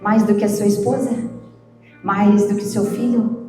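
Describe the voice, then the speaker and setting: A woman pastor preaching a sermon, slow and emphatic, shifting between loud outbursts and hushed questions. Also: mid-range voice, flat delivery. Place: church. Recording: echoey church with soft music. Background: soft instrumental music.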